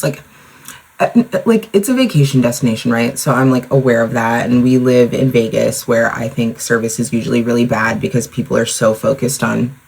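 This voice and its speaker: A woman's voice: rumbling low, creaky, a little mellow, slightly rough, poor audio. A young woman, a mother, hosting her own podcast in a rambling, casual solo chat full of "like" and the odd swear word. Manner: chatty, rambling, lots of "like", with swearing. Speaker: podcast host. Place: at home, in front of a mirror.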